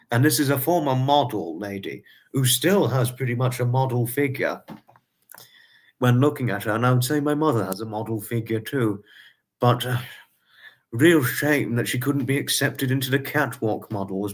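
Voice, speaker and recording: A man's voice: mid-range voice, normal speed. Chatty young man hosting a livestream. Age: 20s. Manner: chatty, repeats himself, quaintly formal phrasing. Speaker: livestream host. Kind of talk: casual livestream chat with viewers.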